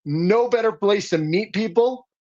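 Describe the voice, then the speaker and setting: Impassioned man with a high voice. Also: unhurried, a little mellow, dull audio. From Dominican Republic. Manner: impassioned, insistent, building emphasis. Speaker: activist guest. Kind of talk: passionate political talk.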